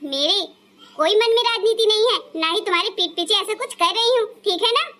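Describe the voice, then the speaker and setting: A woman's voice: very high-pitched, a little fast, sharp tone. A woman voicing a fussy cartoon mother-in-law. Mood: flustered. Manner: flustered, stammering when caught. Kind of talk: Hindi cartoon dubbing.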